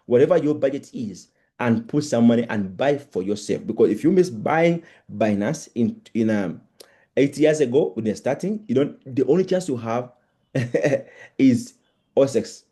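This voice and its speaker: A man giving a live sales pitch as an emphatic crypto-bro promoter, often stammering and repeating words for emphasis. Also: animated, normal speed, mellow, slightly rough. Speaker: crypto promoter presenting on a live Zoom call. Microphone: online video call.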